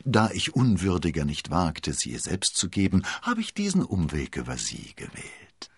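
Sly older-sounding cardinal in a storybook reading, voiced by a man: oily, stammering, husky tone. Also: low voice, huge pitch swings, dry recording, studio quality, exaggerated voice. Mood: flustered. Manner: oily, halting with fillers. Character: scheming sly male cardinal, stammering when cornered.

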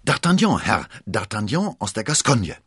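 A man voicing a cheeky yet earnest young swordsman, with raised, lively delivery. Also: fairly low pitch, normal speed, husky, no room sound, studio quality, pitched above the performer's own voice, heavily acted.

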